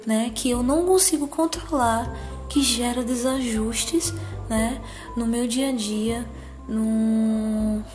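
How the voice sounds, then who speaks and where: Casting: woman, higher-pitched cutesy soft voice, slow and gentle personal monologue, music underneath. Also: fairly even intonation. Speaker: psychologist.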